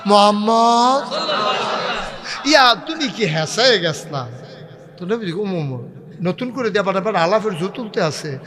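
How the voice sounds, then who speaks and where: A man preaching a waz sermon, telling stories in lively voices and rising to sudden high shouts. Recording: long hall-like reverb.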